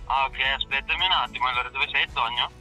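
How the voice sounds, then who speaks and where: A man's voice: medium pitch, fast, bright, forceful tone, faint music behind. A man talking on a phone call heard over speakerphone, giving brief, offhand replies in a casual chat. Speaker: fishing friend called on the phone.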